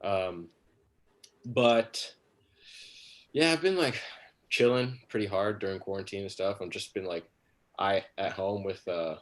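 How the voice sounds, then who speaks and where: A man's voice: lowish voice, a little slow, pauses often. A man from Jamaica doing a stand-up set from his home for a livestream, rambling with lots of "like" and "um" and crude jokes. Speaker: stand-up comedian.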